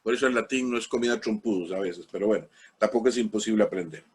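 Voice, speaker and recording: A man's voice: fairly low pitch, fast, breathy edge. A man with a Costa Rican accent giving an informal parish-school lecture, explaining patiently with frequent fillers and spelling out words letter by letter. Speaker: parish formation teacher.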